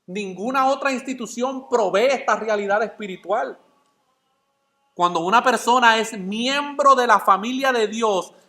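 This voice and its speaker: A man preaching from the pulpit, his voice pitched high for a man. He keeps firing rhetorical questions at the congregation and then answers them himself. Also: pushed and bright. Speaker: pastor. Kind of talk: sermon.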